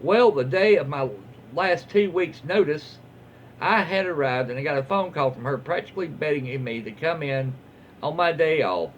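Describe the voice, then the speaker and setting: A man from the southern United States with a Southern American accent casually reads online stories aloud in a somewhat high, expressive voice at normal speed. Folksy and informal, he stumbles over words and adds off-the-cuff commentary, on muffled lo-fi audio with faint background noise.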